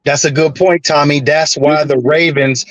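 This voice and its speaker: A man's voice: on the high side, steady tone, normal speed, no echo, highs cut off. A man in his forties from the Bay Area, a guest in a casual sports chat, blunt and assertive. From San Francisco Bay Area. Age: 40s.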